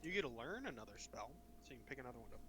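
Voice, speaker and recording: A man sits at a tabletop game and tosses in jokes and rules tips. His pitch sits in the middle range. Faint noise runs behind him. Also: sing-song, racing, bright, forceful tone. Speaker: player. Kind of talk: casual tabletop game talk.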